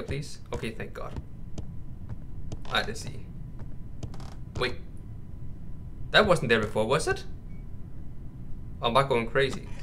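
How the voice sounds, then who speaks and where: A gaming YouTuber with a high-sitting, fairly bright male voice nervously chats his way through a horror game, calling his viewers bros and mate. Game ambience runs underneath as clear background noise.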